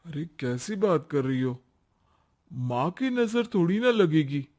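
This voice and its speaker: An easygoing young husband from a cartoon story reassures his wife and defends his mother. His voice sits a little high and he speaks slowly. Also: sing-song, a little mellow. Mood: defensive. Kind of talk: cartoon voice acting.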